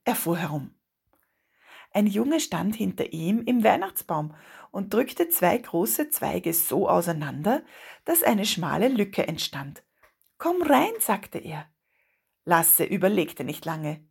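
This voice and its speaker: Storyteller, woman, husky and gravelly, steady expressive reading of a children's tale. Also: fairly low pitch, slow.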